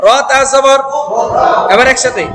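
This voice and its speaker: High-voiced man drilling Quran syllables. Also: crowd noise. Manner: drills syllables slowly, asks students to repeat. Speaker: Quran teacher. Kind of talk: classroom recitation lesson. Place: classroom with group of students. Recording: echoey hall with class noise. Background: students repeating aloud.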